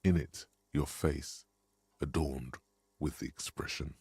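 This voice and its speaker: An actor voicing a brooding male inner narrator in a detective game, grave and measured. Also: extremely low pitch, fairly even intonation, dark tone, husky, no room sound, exaggerated voice. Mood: somber.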